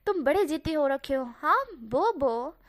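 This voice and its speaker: Brief: woman playing a doting, protective young man, firm but tender, high-pitched delivery. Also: expressive, measured pace. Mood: exasperated. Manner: firm then coaxing.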